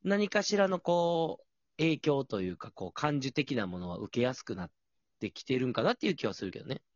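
A man's voice: mid-range voice, sing-song, fairly quick, no room sound, dull audio. A man with a Kansai Japanese accent co-hosting a casual chat podcast, teasing his partner with joking retorts. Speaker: podcast co-host.

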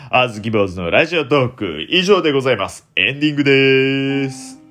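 A young man hosting a solo late-night radio talk in a deliberately low, deep announcer-like voice, polite and formal with theatrical flourishes. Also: expressive, a bit bright, faint music behind. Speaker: host of a solo internet radio show.

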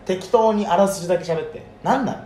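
A young man co-hosting a podcast in casual banter with a friend, talking in rough, slangy masculine speech in an echoey room. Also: high-pitched, fast talker, mellow. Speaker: podcast co-host. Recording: roomy echo, faint background noise.

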